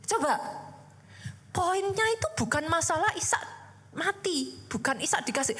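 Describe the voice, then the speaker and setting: Lively woman pastor preaching. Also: very high-pitched. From Indonesia. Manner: lively, conversational preaching with rhetorical questions. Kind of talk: sermon.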